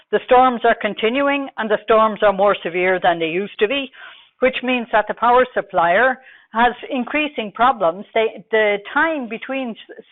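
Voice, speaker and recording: A middle-aged Irish woman with a Dublin accent gives a technical conference presentation, talking quickly with many fillers. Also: fairly high pitch. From Ireland. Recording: tinny phone-like recording.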